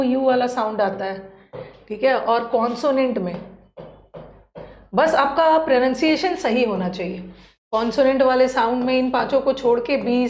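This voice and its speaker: A woman's voice: high-pitched, darkish tone, reverberant, a little hiss or hum. A woman teaching grammar in Hindi to a coaching class. She speaks, teases the students, and repeats sounds aloud as drills. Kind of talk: online coaching class lecture.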